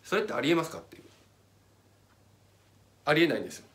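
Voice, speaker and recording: Fast and fairly bright, this man's voice sits on the high side and swings widely in pitch. He's a channel host walking through a casual, step-by-step explanation while pointing at a chart. It was recorded in an echoey room with a distant mic.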